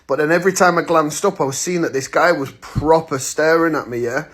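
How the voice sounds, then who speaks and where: A man's voice: on the high side, brisk, a bit bright. A man in his thirties, a vlogger telling a story straight to camera in a blunt, slangy, casual way. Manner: blunt, slangy, acts out the moments he retells.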